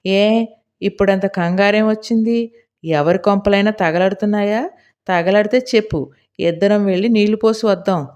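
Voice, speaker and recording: A woman's voice: medium pitch, fairly even intonation, normal speed, a little mellow, close to an everyday voice. Woman reading a curt, mocking village husband. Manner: terse and mocking. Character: curt, sardonic middle-aged village husband. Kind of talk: audiobook character reading.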